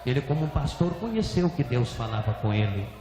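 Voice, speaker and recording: A male pastor, telling a story in a dramatic sermon with emphatic swings from hushed to loud. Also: medium pitch, sing-song, fairly quick. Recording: echoey church hall reverb.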